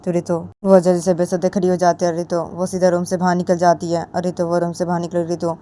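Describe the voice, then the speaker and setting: Low, mellow-voiced woman telling a story. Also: completely flat delivery, fast talker. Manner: repetitive, plain storytelling. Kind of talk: casual story narration.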